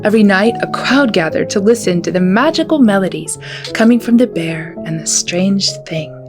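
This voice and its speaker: A woman's voice: medium pitch, lively intonation, moderate pace, over music. A woman hosting a children's storytime, reading a picture book aloud in a storytelling style.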